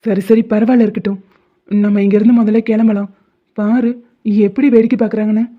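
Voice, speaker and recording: A woman voicing a caring, protective young man in an animated story, with a gentle, teasing, coaxing delivery. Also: medium pitch, brisk, natural voice. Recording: tinny phone-like sound.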